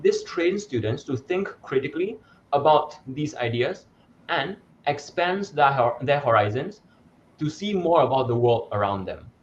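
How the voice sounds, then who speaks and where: A man's voice: medium pitch, expressive, a little slow, lo-fi sound, a little hiss or hum. A young man from Malaysia, a debate coach, answering interview questions in an articulate, explanatory way with some fillers and restarts. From Malaysia (Sarawak).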